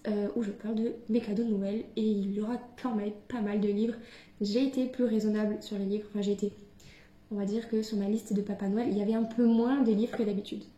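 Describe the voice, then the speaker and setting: A woman's voice: fairly high pitch, warm tone. A young woman book vlogger chatting casually to camera at home, hesitant with many fillers and restarts. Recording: echoey room.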